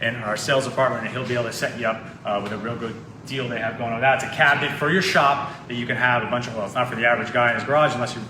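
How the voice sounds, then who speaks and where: A man's voice: mid-range voice, steady tone, racing. A man who owns an auto shop, hosting a casual promotional chat in an easygoing, chatty way. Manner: easygoing, chatty, loose restarts. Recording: echoey shop with loud background noise.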